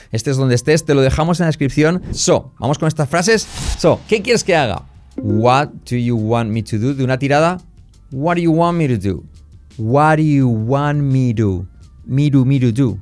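A man with an accent from Spain teaches English in a video lesson, pitched in the middle of the male range. He explains in Spanish and then models short English phrases slowly, repeating them for the learner. Faint music plays beneath his voice. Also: darkish tone.

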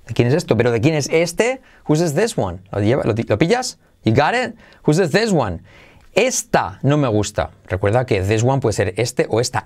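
A man with a Spain Spanish accent teaching an English lesson to Spanish speakers, saying model phrases slowly and checking in with "¿vale?". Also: medium pitch, a little mellow. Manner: slow, careful model phrases, asks "¿vale?" often.

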